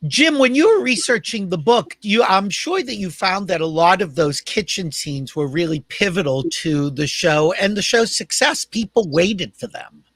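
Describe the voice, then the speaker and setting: A man's voice: sits high, expressive, moderate pace, hardly any pauses, fairly bright tone, dry recording. A man hosting a casual interview in a chatty, playful, gossipy way. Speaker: talk show host.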